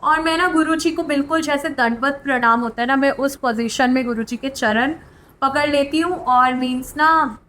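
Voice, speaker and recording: A woman with a high, light voice tells a devotional testimony in an earnest, heartfelt way. Her speech is sprinkled with soft filler words. A faint hiss sits under the voice. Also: normal speed. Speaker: devotee sharing spiritual experiences.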